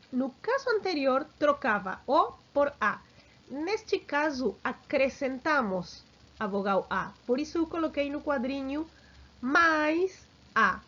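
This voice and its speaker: A woman teaching a grammar lesson, speaking slowly and deliberately and often checking in with her students. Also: sits high, a bit bright. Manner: slow and deliberate, checks in with frequent "sim?". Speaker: language teacher. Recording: dull lo-fi recording.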